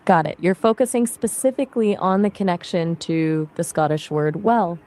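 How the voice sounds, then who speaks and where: Chatty upbeat AI woman, lowish voice. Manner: upbeat, chatty, quick and lively. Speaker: AI voice assistant. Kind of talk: casual conversational chat.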